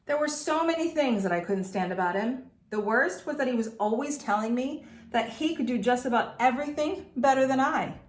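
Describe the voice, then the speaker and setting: A woman's voice: high-pitched, brisk, few pauses, reverberant. Woman teacher reading a story aloud. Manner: expressive storyteller with chatty asides.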